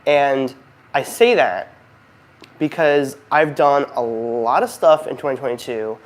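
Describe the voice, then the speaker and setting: A man's voice: mid-range voice, slow. A man hosting a casual, unscripted update vlog, with a goofy, rambling manner that often interrupts itself. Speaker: video channel host. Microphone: recorded beside a noisy heating fan.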